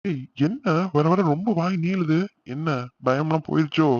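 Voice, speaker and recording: A man voicing a young husband in an animated series, talking brusquely and dismissively and fumbling for excuses. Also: fairly high pitch, normal speed, highs cut off. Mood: gruff. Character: young husband, gruff and evasive.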